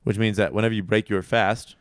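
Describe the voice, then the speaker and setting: Casual podcast host, young man, low smooth voice, goofy and jokey, dry close sound. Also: fairly even intonation, a little fast, no room sound. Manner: goofy, playful, laughs a lot. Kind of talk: casual chat.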